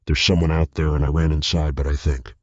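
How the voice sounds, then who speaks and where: A man's voice: extremely low pitch, little pitch movement, fairly quick, darkish tone, breathy edge, no echo. A man voicing a frightened young woman who pleads urgently in a spoken horror story. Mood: pleading. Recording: dull lo-fi recording.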